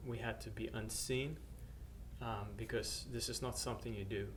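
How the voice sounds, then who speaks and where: Speaking to the camera, this man from Norway, a missionary, offers his personal testimony while stumbling through many restarts and uhs. He has a lowish, steady voice and keeps a moderate pace, with slight noise behind him.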